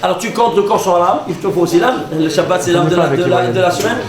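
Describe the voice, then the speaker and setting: A rabbi with a high, bright voice teaches an animated class, firing questions at his listeners. His voice rings through an echoey hall, and a lively crowd murmurs all around him. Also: quick pace. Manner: animated, quizzes the audience. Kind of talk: lively Torah lesson. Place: lecture hall with audience.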